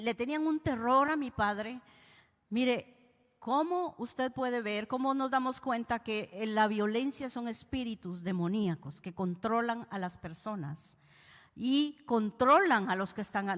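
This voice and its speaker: A woman's voice: mid-range voice, fairly bright tone. Female preacher, heartfelt testimony, long hall echo on the voice. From Guatemala. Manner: emotional, addresses listeners directly. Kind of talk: testimony sermon. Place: church hall.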